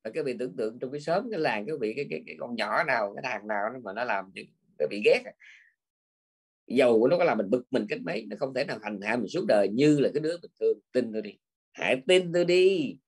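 A man's voice: mid-range voice, animated, fast, vocal fry, darkish tone, slightly rough. An older man giving a Buddhist dharma talk in a conversational way, often tagging his sentences with small prompting words. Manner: conversational, with frequent tag words. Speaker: Buddhist teacher.

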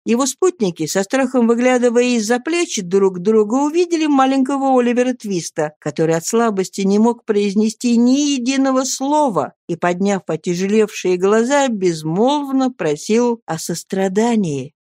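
A woman reading a classic novel aloud as audiobook narrator, measured and expressive. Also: on the high side, no echo, studio quality. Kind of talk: scripted literary narration.

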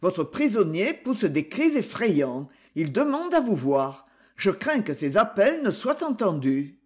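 A man reading the part of a secretive, deferential male steward in an audiobook, speaking low and confidingly. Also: sing-song, measured pace, a little mellow. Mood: hushed.

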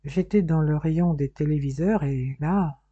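Woman reading shy lovestruck young man, quiet reluctant confiding, mellow tone, muffled recording. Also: low voice, unhurried, slightly rough, no room sound. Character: reserved, smitten young man. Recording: dull, muffled dry recording.

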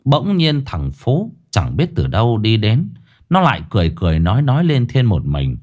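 A man's voice: mid-range voice, huge pitch swings, moderate pace, darkish tone. A man narrating a ghost story, dramatic and blunt, with coarse slang.

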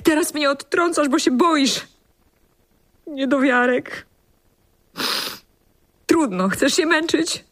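A slow, pleading devoted lover. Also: female voice, high-pitched, a bit bright. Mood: reproachful. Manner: pleading, insistent, slow and deliberate. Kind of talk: radio drama acting.

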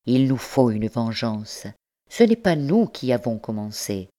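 Impassioned young male rebel, grave and fervent, read by a woman narrator, measured and low-toned. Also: big pitch swings, warm tone, heavily acted.

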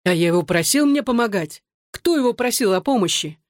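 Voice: medium pitch, animated, brisk, no echo, studio quality, pitched above the performer's own voice, lightly acted. An audiobook reader voicing a defiant young man just out of military academy, arguing in a raised voice. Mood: shouting. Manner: argumentative, raised voice. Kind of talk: audiobook reading.

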